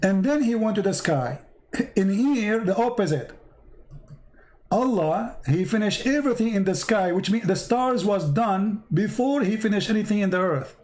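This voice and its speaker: High-voiced man pressing a caller. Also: animated, normal speed, a little mellow. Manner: pressing, repeats questions, addresses caller by name. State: losing his voice. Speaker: debate host. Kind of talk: live debate, reading verses to a caller.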